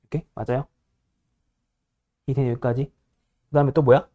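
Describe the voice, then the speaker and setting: This high school math teacher speaks in a level, warm tone and a little fast. Bossy yet teasing, he keeps asking whether his class understands.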